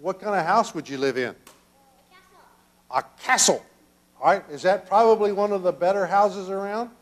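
An older man, a pastor, gently questioning children during a children's sermon in a church sanctuary. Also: high-pitched, moderate pace. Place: church sanctuary, children seated around him.

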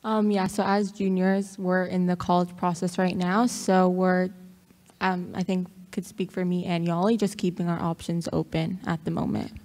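A teenage girl, a high school basketball player, answering in a chatty way full of "like" fillers on a handheld mic in a large sanctuary. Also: flat delivery, moderate pace, darkish tone. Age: teens. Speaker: student athlete. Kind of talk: interview answer. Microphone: handheld microphone. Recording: long hall reverb.

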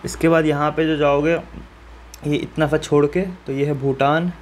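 A man with a fairly high, steady voice speaks at a normal speed over slight background noise. He walks school students through filling in a map step by step, friendly and reassuring, and often puts questions to viewers.

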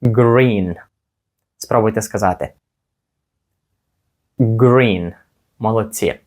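A man teaching children simple English words slowly, encouraging them and pausing so they can repeat. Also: on the low side, a little mellow. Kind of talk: slow, clear language lesson for kids.

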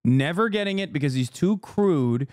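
A man in his thirties talks over a live stream, his voice a touch high and his delivery brash, sarcastic and full of profanity. He sits right up on a studio microphone, so the sound is close and dry, with no room echo around it. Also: lively intonation, moderate pace, a little mellow. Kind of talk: casual live-stream commentary. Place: small room full of shelves and collectibles. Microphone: large studio mic close in front.

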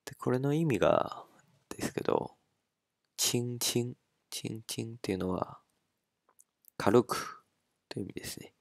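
A man teaching a language lesson in a relaxed spoken style, working slowly and carefully through pronunciation drills. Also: medium pitch, vocal fry, no echo, clean studio sound.

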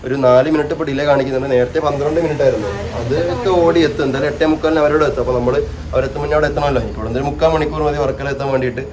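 A man's voice: medium pitch, steady tone, racing, crowd noise. A man chatting casually to his viewers as he films his own family vlog, rambling and talking straight to the camera. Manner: teasing with family. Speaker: vlogger.

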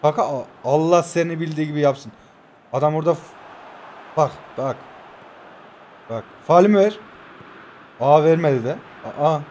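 Speaking at a moderate clip with many pauses, a high-leaning male voice comes through a slight hiss or hum. The speaker, a Turkish man in his twenties, gives live commentary on his own mobile football match, eagerly shouting player names and addressing viewers, all while staying hushed at night in his new home.

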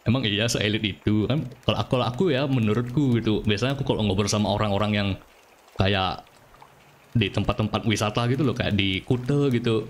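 A man's voice: fairly low pitch, a little fast. A man from Bali with a Balinese accent, chatting casually on a live stream, answering viewers while he plays and laughing often. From Bali, Indonesia.

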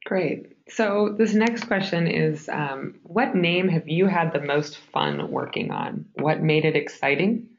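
A woman's voice: deep voice, very animated, slow pace, gravelly, few pauses. A woman moderating a Q&A, reading out audience questions and laughing easily. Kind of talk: hosting a Q&A webinar. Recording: muffled lo-fi audio.

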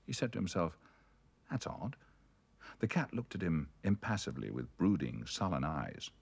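A man telling a ghost story in a measured, brooding delivery. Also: deep voice, gravelly, husky. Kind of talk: dramatic ghost story reading.

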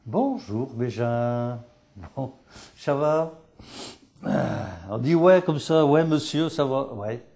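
Slow-talking dialect teacher. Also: male voice, mid-range voice, lively intonation, mellow. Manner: didactic, repeats words, asks and answers himself. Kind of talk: televised dialect lesson.

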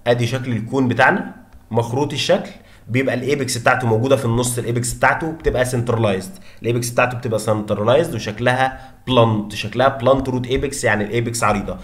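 A man's voice: medium pitch, racing. A young man with an Egyptian Arabic accent tutoring dental anatomy, repeating each point and quizzing listeners with rhetorical questions. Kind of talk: fast teaching lecture.

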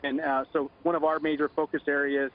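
A middle-aged man giving a halting official briefing in a live news interview over the phone. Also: on the high side, little pitch movement. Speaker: Coast Guard commander, phone interviewee. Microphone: phone line. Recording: dull lo-fi phone line.

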